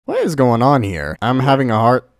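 A man's voice: mid-range voice, sing-song, moderate pace, dry recording, studio quality. A man hosting a gaming video, giving casual reaction commentary on a horror game. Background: music.

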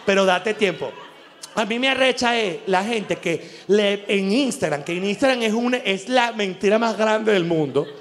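A man with a Venezuelan accent doing an animated, crude stand-up comedy monologue, acting out little voices as he goes. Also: high voice, moderate pace. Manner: animated, crude, laughs often, acts out voices. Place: live show venue.

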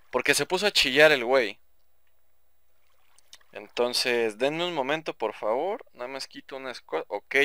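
A man's voice: medium pitch, bright, forceful tone, clear, resonant tone, no room sound, studio quality. A young man with a Mexican Spanish accent giving casual, chatty gameplay commentary, swearing and talking to himself. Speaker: gaming YouTuber.

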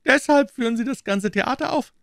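A shrill, high-pitched gangster held prisoner, as a man reading a storybook puts him on, snapping out his words in scornful outbursts. The voice is pushed well above a deep reader's own, raised and tense, in a dry room. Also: normal speed, creaky, fairly bright tone, no echo, heavily acted. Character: angry frightened male gangster captive.

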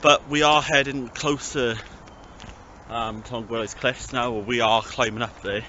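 Filming a walking vlog on a woodland trail, a South Wales man in his twenties talks informally and thinks out loud into a handheld camera at arm's length. His medium-pitched voice is steady, bright, and forceful at a measured pace, though the recording is muffled with slight hiss or hum under the background music.

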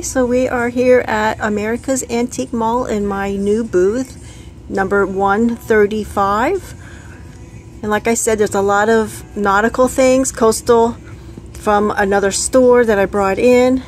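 A woman in her fifties, her voice a little high and steady, talks unhurriedly as she shows off the items in her antique booth. It's a casual show-and-tell vlog full of ums and self-corrections, moving from her living room to the car and then the antique mall.

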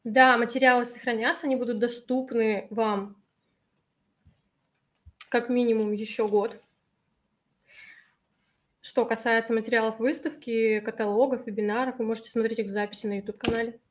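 A woman in her thirties hosts a live webinar over a video call, using her webcam mic as she reads out viewers' chat messages and answers them warmly. Her voice is a little high and a little hoarse from allergies, with little pitch movement, a moderate pace, and frequent pauses.

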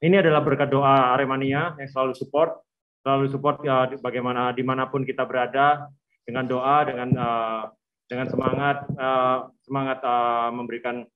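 A man, a football coach, answering reporters at a post-match press conference with halting speech full of filler pauses and repeated phrases. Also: mid-range voice, little pitch movement. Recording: phone-like narrow sound.

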